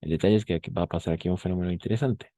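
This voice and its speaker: A man with a very low, warm voice teaches a French grammar lesson. He is patient, spells examples out slowly and keeps checking that the class follows. The sound is dry and close to the mic. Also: no echo. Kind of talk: online class explaining French grammar in Spanish.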